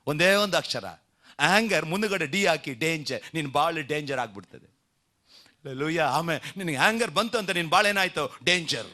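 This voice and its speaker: A man's voice: on the high side, normal speed, bright, forceful tone. A man preaching a sermon, leading the congregation in call and response with frequent hallelujahs and amens. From India. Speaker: pastor.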